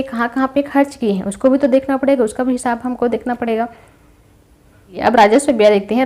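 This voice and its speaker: High-voiced woman teaching exam prep. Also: a little mellow. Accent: Chhattisgarh Hindi. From India. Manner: explains patiently with everyday examples, fillers and check-ins.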